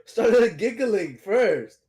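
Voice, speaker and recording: Lively high-voiced joking man. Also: drawn-out words. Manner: giggly, swearing, jokey. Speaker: tabletop game player. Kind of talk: casual chat during an online game session.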